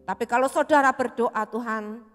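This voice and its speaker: A woman pastor preaches with a high, bright voice. She tells her testimony with emotion and keeps turning to the congregation. The sound comes from a live-streamed church service, with a long reverb tail and faint music underneath. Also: lively intonation, a little slow. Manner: emotional, addresses the congregation often. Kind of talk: sermon with personal testimony.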